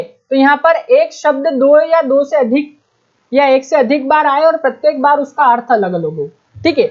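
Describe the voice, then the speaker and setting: A high-pitched woman gives an exam-prep grammar lecture. She poses questions to her students, answers them herself and drills the key terms. The recording sounds dull and lo-fi. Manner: reads examples out slowly. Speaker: Hindi grammar teacher.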